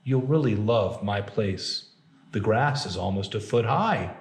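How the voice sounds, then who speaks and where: A man's voice: fairly low pitch, lively intonation, unhurried. A man doing a breezy wealthy businessman. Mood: deadpan. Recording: roomy echo.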